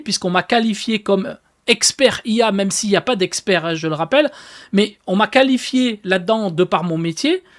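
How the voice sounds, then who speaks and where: A woman giving a casual explainer about AI, talking emphatically and directly to viewers with lots of fillers. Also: medium pitch. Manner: emphatic, animated with fillers like "du coup" and "bah"; addresses viewers directly and informally. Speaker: AI content creator.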